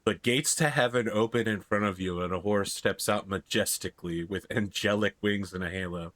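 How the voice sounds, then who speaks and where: A man's voice: fairly low pitch, moderate pace, a bit bright, no room sound. A man narrating a tabletop role-playing game as its game master.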